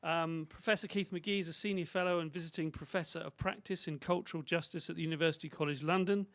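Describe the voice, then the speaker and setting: A man moderating a conference panel, introducing the speakers formally and reading out long titles with small pauses and fillers. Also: a little high, steady tone, fairly bright tone, dry recording. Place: conference breakout room.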